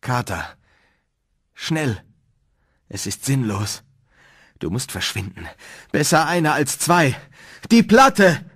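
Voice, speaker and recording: A man voicing a panicked young man trapped underground, shouting desperately in a high voice. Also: animated, slow pace. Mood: resigned urgency.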